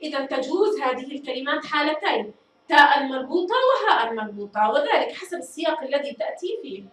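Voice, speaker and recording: A woman teaching a fifth-grade language lesson, explaining slowly and deliberately, repeating and drawing out words, and praising her pupils. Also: high-pitched, animated. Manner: addresses pupils warmly, praises them. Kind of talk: recorded classroom lesson. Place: echoey school studio room. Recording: very echoey room, voice far from mic, faint noise.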